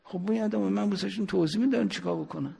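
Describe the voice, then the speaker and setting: A man's voice: sits high, gravelly, warm tone, breathy edge. A man preacher giving a sermon, telling a story and asking his listeners rhetorical questions, with a long hall reverb. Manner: rhetorical questions, drawn-out emphasis.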